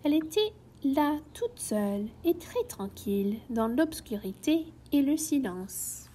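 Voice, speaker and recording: A woman reading a children's storybook aloud in a gentle, expressive way. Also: high-pitched, slow.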